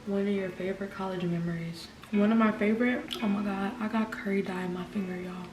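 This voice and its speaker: A woman's voice: mid-range voice, steady tone, fast. A woman in her twenties doing a casual, slangy, sweary question-and-answer chat over a meal. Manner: informal, slangy, frequent swearing. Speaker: YouTuber answering viewer questions. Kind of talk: casual mukbang Q&A chat while eating. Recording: roomy echo with background music.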